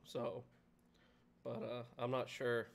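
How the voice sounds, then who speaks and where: A man's voice: mid-range voice, completely flat delivery, takes it slowly, vocal fry. A man live-streaming a video game, chatting casually with viewers in a rambling way and laughing often. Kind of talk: casual gameplay commentary.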